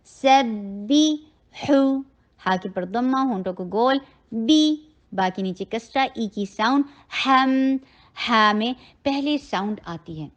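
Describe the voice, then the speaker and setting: A high-pitched woman gives a tajweed lesson in a step-by-step instructive manner, drawing each word out slowly before briskly explaining how to form it. The recording sounds dull and lo-fi. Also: expressive. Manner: recites words very slowly and stretched, then explains briskly; instructive, gives step-by-step mouth and throat directions. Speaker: Quran recitation teacher.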